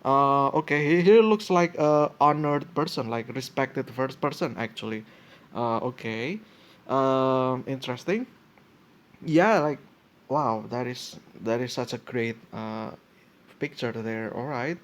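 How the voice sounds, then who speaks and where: A man's voice: medium pitch, unhurried. A man in his twenties hosting a casual solo podcast, reading from a page and reacting as he goes, with lots of fillers and restarts. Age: 20s. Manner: hesitant, full of fillers and restarts, thinking aloud. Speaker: podcast host.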